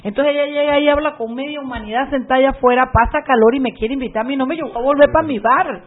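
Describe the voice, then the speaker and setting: A woman's voice: high voice, fast, a little hiss or hum. A woman hosting a radio show, chatting casually and acting out voices as she tells stories. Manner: lively, chatty, acts out voices in anecdotes. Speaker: radio host. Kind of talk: casual radio chat and storytelling. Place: radio studio booth. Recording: narrow phone-like radio audio.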